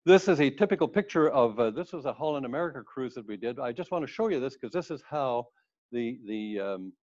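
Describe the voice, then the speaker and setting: An older man talks his way through a slide presentation, casual and a little rambling, often restarting his sentences. His voice sits at a middling pitch for a man. The sound is dull and lo-fi. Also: expressive, a little fast, darkish tone. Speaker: cruise ship speaker. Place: indoors in front of a plain wall.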